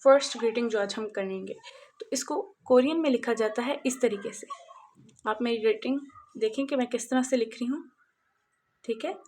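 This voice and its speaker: A woman teaching a casual beginner language lesson, slowly repeating each sound as she writes it. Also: a little high, a little mellow, slight background noise. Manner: slow, repetitive drilling of sounds while writing. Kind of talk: casual spoken lesson, mixing Hindi-Urdu and English.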